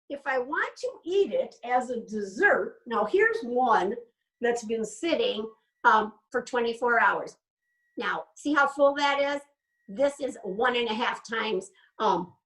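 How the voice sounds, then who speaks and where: A woman's voice: on the high side, fairly bright tone, distant mic, poor audio. A woman hosting a cooking class, chatting casually and explaining each step as she goes.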